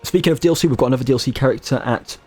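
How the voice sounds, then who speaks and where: A man's voice: medium pitch, racing, darkish tone, soft background music. A man giving casual, rambling commentary over gameplay, joking as he goes and often restarting his sentences. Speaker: gaming video creator.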